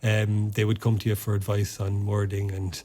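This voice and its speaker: In a laid-back podcast interview, an Irish man who once served as a soldier speaks at normal speed in a mellow, lowish monotone. He often halts mid-sentence and starts again, leaning on fillers.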